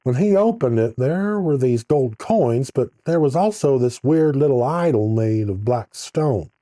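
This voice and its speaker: A man's voice: mid-range voice, animated, unhurried, dark tone, no echo, clean studio sound, natural voice. A man playing an earnest male caller. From Charleston. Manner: earnest, plain storytelling. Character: male caller telling a family ghost story.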